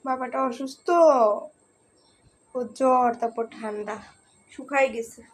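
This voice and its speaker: A mother, hoarse from a cold, chatting in a home vlog and coaxing her toddler in a sing-song way. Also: sits high, steady tone, unhurried, slight background noise, low-quality recording. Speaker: mother filming her child. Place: indoors at home.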